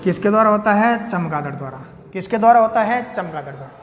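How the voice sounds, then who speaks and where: A man's voice: high voice, animated, fast, a little hiss or hum. A male teacher giving a biology lesson, repeating key points and asking and answering his own questions. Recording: echoey room with long reverb.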